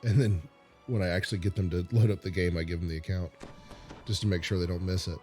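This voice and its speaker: Male gaming host, lower register, loose hesitant chat, light game music underneath. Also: steady tone, fast talker. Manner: rambling, hesitant. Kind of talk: casual gameplay commentary.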